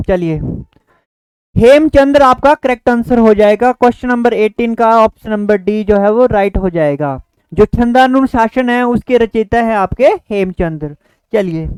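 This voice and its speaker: A man teaching an exam-prep grammar lesson. His voice is smooth and clear, recorded close and dry no room echo. He repeats each question and key word patiently for his viewers. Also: very high voice, darkish tone.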